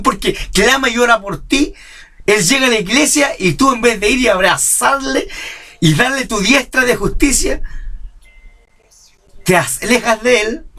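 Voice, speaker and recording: A man's voice: very high voice, bright, forceful tone. A man preaching a sermon, who keeps asking his congregation "¿cierto?" and acts out church members. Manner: impassioned, rhetorical "¿cierto?" questions, mimics church members.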